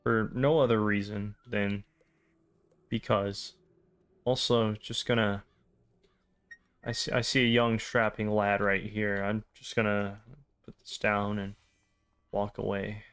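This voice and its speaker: A man hosting a game playthrough with casual, wry, deadpan commentary and rambling asides. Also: on the low side, slow, pauses often, clear, resonant tone. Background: game music.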